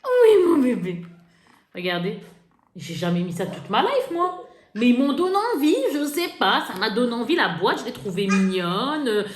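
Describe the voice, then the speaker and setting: A woman's voice: a little high, normal speed. A woman vlogger showing off her makeup haul in a casual, chatty way, laughing often and poking fun at herself. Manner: chatty, laughing, lively, self-mocking. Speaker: beauty vlogger. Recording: echoey room with faint noise.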